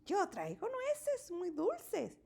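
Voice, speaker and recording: A sly little badger savors every word in a slow, sing-song voice, as a woman acts it out. It sits well above a normal speaking pitch and swoops up and down. The sound has a slightly distant quality. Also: huge pitch swings, gravelly, darkish tone, exaggerated voice. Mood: greedy delight. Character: sly friendly badger, sniffing for food. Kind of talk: storybook character voice.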